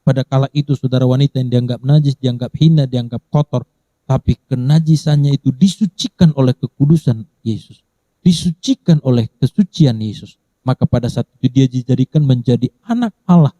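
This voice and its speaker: Preacher guy giving a sermon, dark mellow voice, jumps way up for the quotes, dull lo-fi church stream. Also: a little fast, dry recording. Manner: dramatic, acts out the quoted voices with big pitch jumps. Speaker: pastor.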